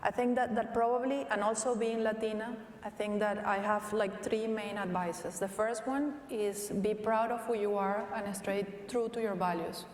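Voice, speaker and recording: An earnest woman with a Venezuelan accent speaks slowly and thoughtfully, often restarting her sentences. She is heard from some distance in a big echoing hall, with a long reverb tail and faint hiss behind her. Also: medium pitch, fairly even intonation, a little mellow. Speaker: interviewee, company tech leader. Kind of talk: onstage conversation. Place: large hall at a live event. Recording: echoey hall from far off.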